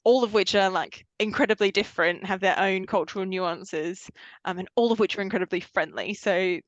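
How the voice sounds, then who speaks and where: A woman with a mostly British accent and a faint Australian trace talks as an interview guest. Her voice sits mid-range, lively and self-deprecating, and the recording is very dry and close. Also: mid-range voice, brisk, no echo, dull audio. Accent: mostly British with a slight Australian trace. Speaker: guest, energy association chief executive. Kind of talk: casual interview chat.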